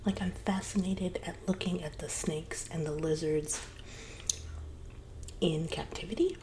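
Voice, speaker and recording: Soft-spoken woman in a chatty role-play, noisy recording. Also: fairly even intonation, measured pace. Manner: soft-spoken with occasional low murmured words. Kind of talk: ASMR role-play, one side of a casual chat.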